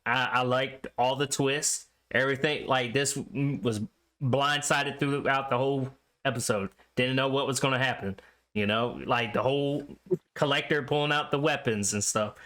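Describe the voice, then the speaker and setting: A man co-hosting a casual review chat, laid-back and quick to laugh, sometimes speeding up in bursts. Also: mid-range voice, steady tone, fairly bright tone. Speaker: co-host.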